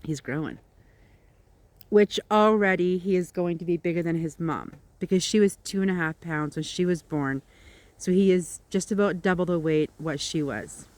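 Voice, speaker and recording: A woman's voice: lowish voice, normal speed, darkish tone, dry recording. A middle-aged woman rambling casually to her viewers outdoors, in a chatty, informal way. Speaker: vlogger. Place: outdoors in the countryside.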